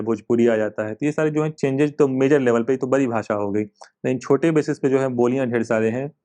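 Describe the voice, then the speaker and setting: A man's voice: mid-range voice, darkish tone. A man teaching an exam coaching class in a casual, conversational way, often repeating himself and using fillers. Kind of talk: casual Hindi lecture with English terms.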